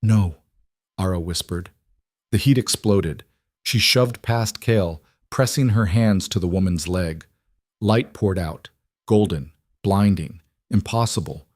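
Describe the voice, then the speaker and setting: A man giving scripted story narration in an even, dramatic storytelling manner. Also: low voice, unhurried, no room sound.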